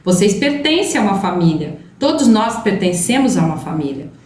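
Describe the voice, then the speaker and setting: A woman co-hosting a spiritual talk, explaining gently and often adding "né?" tags. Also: mid-range voice, very animated, fairly quick. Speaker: spiritual channel co-host. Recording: roomy with faint background hiss.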